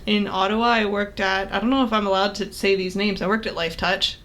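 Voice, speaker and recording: A young woman co-hosting a podcast in relaxed, casual chat. She rambles cheerfully through her stories, laughing often and leaning on "like". Her voice sits at a medium pitch. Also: brisk. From Canada. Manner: chatty, laughing, lots of "like". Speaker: podcast co-host.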